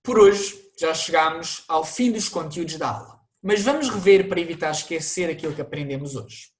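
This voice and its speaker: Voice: mid-range voice, lively intonation, normal speed. A teacher with a European Portuguese accent, narrating an online language lesson and explaining things to viewers, with the odd restart.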